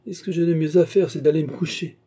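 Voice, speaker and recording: A man reading aloud, voicing an earnest, sulky young gentleman in a dark, husky voice. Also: on the high side, steady tone, fast talker, pitched above the performer's own voice. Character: young gloomy, impulsive gentleman in love.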